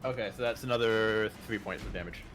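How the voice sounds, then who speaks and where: A man chatting as a player in a tabletop game, easygoing and quick to laugh. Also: fairly low pitch, fairly bright tone, soft background music.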